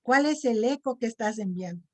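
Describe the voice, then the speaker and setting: Woman, middle-aged, lecturer, fairly high pitch, teacherly, checks in often. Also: expressive, moderate pace, a little mellow. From Mexico. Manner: didactic, checks in with frequent "¿sí?". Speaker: lecturer on self-esteem. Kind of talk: online lecture and Q&A.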